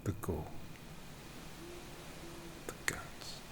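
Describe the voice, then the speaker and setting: In an ASMR roleplay, a man plays an ancient, aristocratic vampire lord, speaking in a breathy half-whisper. He sounds menacing, world-weary and condescending, with deliberate, theatrical phrasing and a threatening, superior mood.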